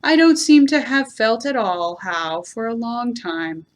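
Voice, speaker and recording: A woman reading a children's storybook, voicing a gloomy, resigned donkey with a slow, mournful, drawn-out delivery. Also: a little high, close to an everyday voice. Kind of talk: children's storybook read aloud.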